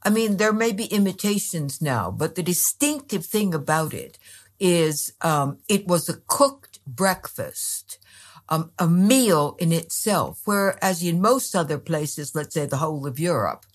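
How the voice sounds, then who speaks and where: A woman with a very low-pitched voice answers interview questions as a researcher. She speaks thoughtfully and stops often to hesitate and restart. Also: animated, a little slow. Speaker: guest researcher.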